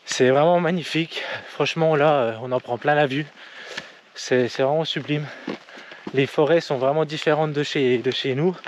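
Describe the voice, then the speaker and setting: A man narrating a casual hiking vlog outdoors, talking haltingly with many fillers and restarts. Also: medium pitch, darkish tone, highs cut off, slight background noise. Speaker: hiking vlogger. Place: outdoors on a forest trail.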